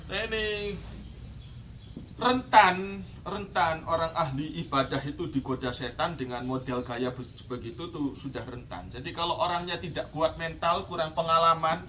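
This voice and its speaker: A man with a Javanese accent teaches from a classical Islamic text in the traditional pesantren way, reading the Arabic and then glossing it word by word before explaining. His voice sits a little high and comes across bright and ringing. He sounds set back from the microphone, with birds faintly audible in the background. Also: moderate pace, recorded from a distance, a little hiss or hum.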